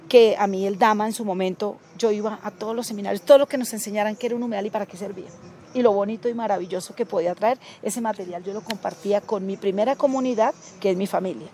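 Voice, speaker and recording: A woman's voice: mid-range voice, slight background noise. A middle-aged Colombian woman, a community leader, telling stories in an interview and acting out the dialogue. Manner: animated, acts out quoted dialogue. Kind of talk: interview storytelling.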